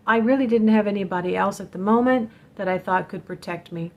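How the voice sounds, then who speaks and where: On her spiritual channel vlog, a woman tells her own story earnestly and directly while warning viewers. Her mid-range voice is brisk, and the recording sounds muffled.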